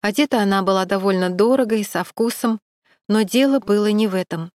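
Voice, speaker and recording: A woman audiobook narrator reads a novel from a script in an even, measured storytelling style. Her voice is mid-range, and the recording is dry and studio quality.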